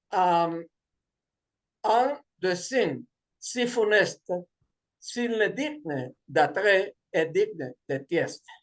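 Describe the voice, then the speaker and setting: Venezuelan male seminar lecturer, casual, digressive, many fillers, wry jokes. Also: sits high. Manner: digressive, hesitant, joking asides. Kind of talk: informal lecture retelling a story.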